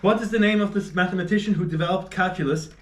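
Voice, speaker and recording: A man's voice: high-pitched, quick pace. A man acting as quizmaster in a casual game among friends, teasing the players and often laughing. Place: room shared with a group of players. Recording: echoey room, mic far off, noisy.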